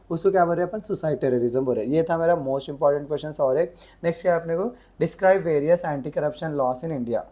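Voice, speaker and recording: Woman tutor, low mellow voice, slow dictation and quick asides. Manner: slow dictated English definitions, quick conversational Hindi explanations; keeps asking rhetorical questions. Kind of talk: exam revision lesson.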